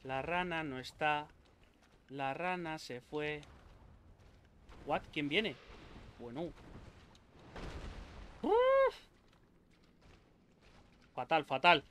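A man from Spain with a Spanish accent, commentating his own gameplay in an excitable, swearing, talk-to-himself way. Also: a little high, takes it slowly, pauses often, clean tone. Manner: excitable, swears a lot, talks to himself and viewers. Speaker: gaming YouTuber.

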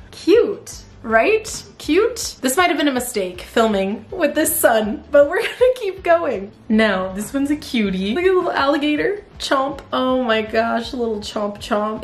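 A young woman vlogger chatting casually about a haul, bubbly and gushing, often slipping into a cutesy baby voice. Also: fairly high pitch. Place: outdoors in bright sun. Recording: roomy echo.

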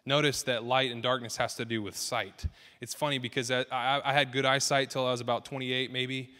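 A man's voice: medium pitch, level tone, a little fast, pushed and bright. A man in his thirties, a pastor giving an earnest, conversational sermon that builds in emphasis. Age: 30s. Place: church sanctuary. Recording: long reverb of a church hall.

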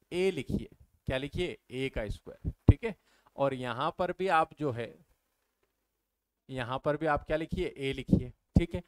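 A man's voice: high voice, clear, resonant tone, dry recording. A man teaching an exam-prep maths lesson, explaining step by step and putting questions to his viewers. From India. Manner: explains step by step, keeps asking the viewers questions and answering them.

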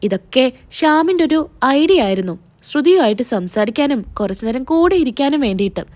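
High-voiced woman retelling a serial. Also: lively intonation, fairly quick, a little mellow. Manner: chatty, storytelling. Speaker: serial recap narrator. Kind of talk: casual plot retelling.

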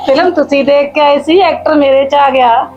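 A woman's voice: high voice, fairly even intonation, moderate pace, a little mellow, highs cut off, faint music behind, lightly acted. A woman acting a young elder sister who teases her family after a prank. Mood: teasing. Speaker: actor. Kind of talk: village short film acting.

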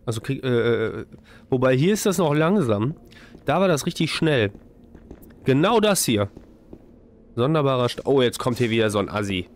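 A man's voice: medium pitch, big pitch swings, normal speed, pauses often. A man in his thirties giving colloquial, joking let's play commentary into a close microphone. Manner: joking, colloquial, mock-exasperated. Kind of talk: casual gaming commentary. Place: indoor room at a desk. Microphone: close microphone on boom arm, with headset. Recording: faint game noise behind voice. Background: faint game ambience.

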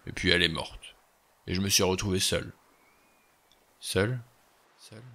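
A man voicing a weary, haunted old general who speaks slowly and quietly with regret. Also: deep voice, vocal fry, heavily acted.

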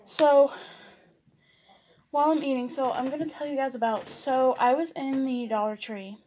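A woman's voice: high voice, fairly even intonation, moderate pace, dark tone, a little hiss or hum. A young woman vlogger chatting casually while eating, rambling with lots of fillers and restarts.

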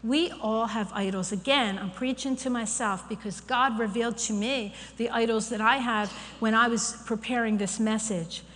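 Bright-voiced woman preaching in a reverberant church. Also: a little high, normal speed, hardly any pauses. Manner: candid, animated storytelling with self-deprecating laughs. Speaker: church speaker sharing a testimony. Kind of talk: sermon testimony. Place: church sanctuary. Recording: church hall reverb, faint room noise.

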